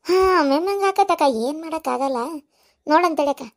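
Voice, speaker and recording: A woman voicing chatty village women in a comic cartoon, with a North Karnataka Kannada accent and a shrill, exclaiming manner. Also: fairly quick. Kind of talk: cartoon voice acting.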